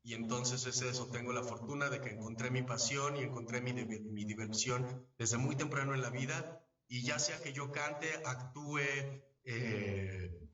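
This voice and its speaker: A male voice actor with a Mexican accent, explaining at length in a measured, teaching way during a live event interview. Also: mid-range voice, fairly bright tone. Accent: Mexican Spanish. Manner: didactic, measured, asks if understood. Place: event venue. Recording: echoey, distant, dull sound.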